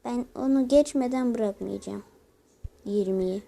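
A woman giving mobile gameplay commentary, excitable and talking to her viewers while she plays. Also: fairly high pitch, measured pace, gravelly. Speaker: gaming channel host.

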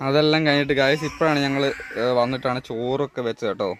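Guy vlogging from home, just rambling on, stops to hunt for words, normal mid pitch. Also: fast, a bit bright, slight background noise. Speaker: family vlogger. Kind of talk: casual vlog chat. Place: at home, partly outdoors.

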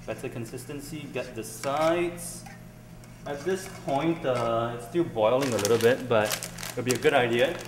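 A man's voice: mid-range voice, moderate pace, reverberant, background noise. A young man from Singapore hosting a cooking show, chatting casually and hesitantly with many ums while he cooks in a large indoor kitchen, picked up by a camera some way off. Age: young adult.

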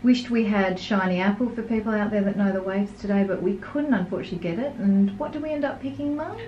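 A woman's voice: mid-range voice, fast talker, muffled recording, slight background noise. An adult woman, chatting on community radio with wry, self-mocking humour. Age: adult, no longer young. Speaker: guest co-presenter. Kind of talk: casual chat. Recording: roomy echo.

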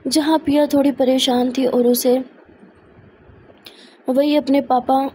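A woman's voice: high-pitched, flat delivery, slow pace, darkish tone, slight background noise. A woman storyteller narrating a love story in a plain, conversational way.

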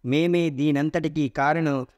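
A man's voice: fairly high pitch, fairly even intonation, unhurried, darkish tone, lightly acted. A man voicing a chorus of grieving male gods who lament and plead in a mythological story reading.

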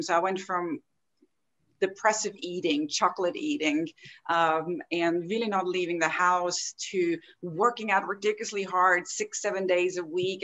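Woman, lower voice. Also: a bit bright, low-quality recording. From Austria. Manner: earnest, open storytelling. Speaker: guest, health coaching founder. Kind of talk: podcast interview over video call. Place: home room at a desk. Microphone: laptop video call.

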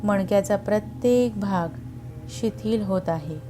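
Speaking very slowly, a woman narrates a guided meditation in a mellow, relaxed, middle-pitched voice. Short phrases are separated by long, calm pauses, and she soothes the listener while music plays in the background.

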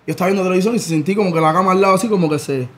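A young Cuban man with a Cuban accent, telling stories in a casual chat. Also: high voice. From Cuba. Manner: animated, rapid storytelling. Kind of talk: casual storytelling.

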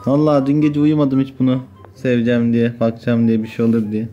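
A man's voice: medium pitch, completely flat delivery, fast, warm tone, highs cut off, soft background music. A man casually chatting in a home vlog, playful and laughing as he teases and scolds a biting puppy. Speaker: vlogger playing with his new puppy. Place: at home indoors.

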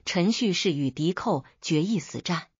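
A woman voicing an earnest, dutiful young male scholar in a storybook tale, speaking in a solemn, slightly lowered voice. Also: lively intonation, moderate pace, slightly rough, no room sound, muffled recording, full character voice. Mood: resolute.

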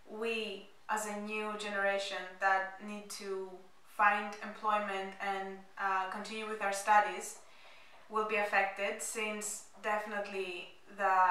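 A young woman from Greece, a student, giving an earnest, measured opinion indoors. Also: medium pitch, sharp tone. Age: young adult. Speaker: interviewee student. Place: indoor classroom. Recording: echoey room from a distance.

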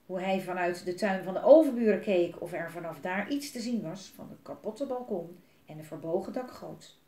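A woman reading a children's book aloud in a gentle, expressive way, adding asides for young listeners. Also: on the low side, normal speed. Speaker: storyteller. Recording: roomy echo.

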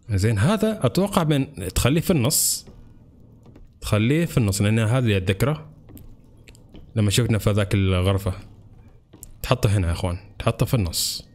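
Brief: young man, let's-play host, quick lively delivery, jumps high when excited. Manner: excitable, talks to viewers as brothers. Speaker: gaming channel host.

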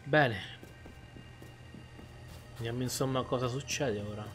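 A man's voice: mid-range voice, a little slow, fairly bright tone. Man commentating gameplay over music. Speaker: gaming video host. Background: game music.

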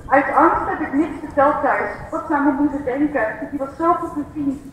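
A woman gives a quiet, plain personal testimony at an outdoor demonstration. Her voice is fairly high. It comes from some distance through a heavily echoing loudspeaker. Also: normal speed, slight background noise. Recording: very echoey, distant PA sound.

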